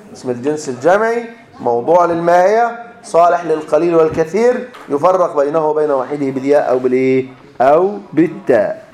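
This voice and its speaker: A man's voice: fairly high pitch, darkish tone. A man with an Egyptian accent teaching a grammar class, repeating each rule as a question and answering it himself. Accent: Egyptian Arabic. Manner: drills students with repeated fill-in questions, then answers himself. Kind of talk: classroom lecture. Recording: echoey room.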